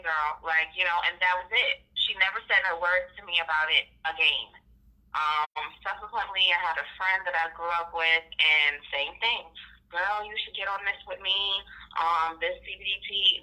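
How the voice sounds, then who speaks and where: Woman, 30s, low and very bright voice, casual storyteller, heard over a phone-like line. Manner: animated storytelling, acting out what others said. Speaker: guest, nurse. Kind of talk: casual conversation on a live stream.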